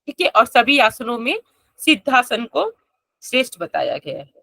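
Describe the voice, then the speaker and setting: A woman teaching an online yoga class, explaining step by step, chanting verses slowly and asking her students questions. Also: a little high, big pitch swings, creaky, pushed and bright, no room sound.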